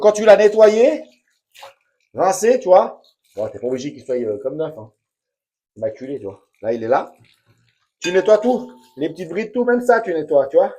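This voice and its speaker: Slangy, chatty man, high voice. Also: dark tone. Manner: blunt, slangy, chatty, addresses viewer directly. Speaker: DIY home repair vlogger. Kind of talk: casual hands-on demonstration. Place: home bathroom.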